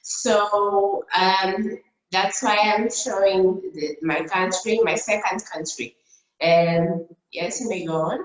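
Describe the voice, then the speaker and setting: A woman from Brazil whose first language is Portuguese, giving a dentistry case report over slides on a video call, halting with many fillers and restarts. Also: mid-range voice, fairly even intonation, dull audio. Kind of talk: conference talk over slides. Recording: roomy echo.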